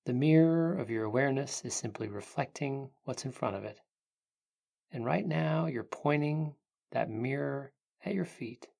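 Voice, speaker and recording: This is a meditation narrator with lively intonation and a medium pitch, speaking in the manner of a sleep story. The creaky voice gives gentle, hushed guidance with long pauses.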